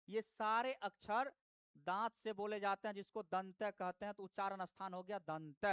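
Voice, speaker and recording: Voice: medium pitch, fairly bright tone, smooth, no room sound. A teacher giving a live online lesson, patiently repeating each point and addressing the students directly. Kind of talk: live online class, explaining grammar.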